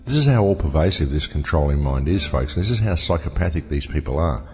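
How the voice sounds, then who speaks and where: Man with a deep disguised voice, very low and heavily pitched down, delivering an earnest lecture with a long reverb tail. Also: lively intonation, brisk, darkish tone, faint music behind. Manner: earnest, lecturing, often calls listeners folks. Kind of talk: scripted monologue message.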